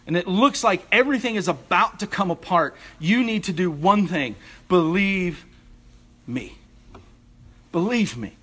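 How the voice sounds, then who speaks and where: A man preaching a sermon as an assistant rector, earnest, with soft emphatic repetitions. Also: sits high.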